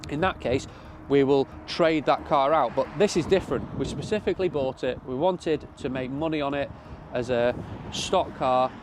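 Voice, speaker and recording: A British man with a mid-range voice speaks off the cuff as a car dealer hosting a vlog. He explains things in a matter-of-fact, reflective way. There is clear traffic and outdoor noise around his voice. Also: mid-range voice, normal speed, few pauses. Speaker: car dealer and video host. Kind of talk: casual unscripted vlog commentary.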